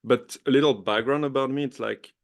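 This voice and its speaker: This medium-pitched, creaky male voice belongs to a man from France in his thirties, speaking briskly with a French accent. Eager and casual as a podcast interview guest, he laughs a lot and keeps restarting sentences.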